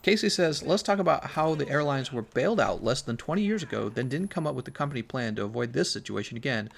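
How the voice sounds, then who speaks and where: A man's voice: medium pitch, lively intonation, fast talker, creaky. A man from Missouri chatting casually on a game live stream, rambling and reading chat comments aloud with frequent laughs. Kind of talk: casual chat while gaming.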